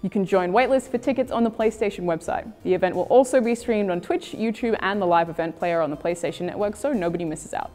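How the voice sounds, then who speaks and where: A woman's voice: mid-range voice, fast talker, hardly any pauses, a little mellow. A woman reading scripted video game reviews and news as a presenter. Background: music.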